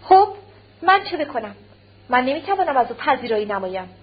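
A woman's voice: sing-song, highs cut off. A woman voicing a hurt, bitter wife. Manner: deep voice, curt.

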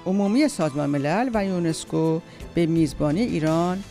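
Brief: male narrator, high voice, measured scripted reading, faint music underneath. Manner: steady reading pace with occasional slips. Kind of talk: read-aloud informational narration.

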